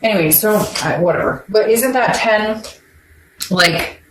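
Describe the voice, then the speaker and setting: A woman's voice: medium pitch, unhurried, background noise. Brief: casual woman tarot reader, blunt and chatty, in a roomy echo. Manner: rambling, blunt, swears, jokes with viewers. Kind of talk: casual tarot reading to camera.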